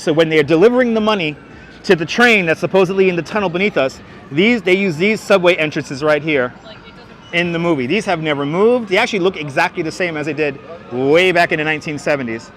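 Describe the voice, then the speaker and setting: Hosting a live walking tour through busy Manhattan streets, this man talks to viewers at a quick pace in a fairly high voice, his thick Brooklyn, New York accent running through the casual chat and street commentary. He's outdoors and on foot, with clear traffic noise, vehicles and street sounds around him.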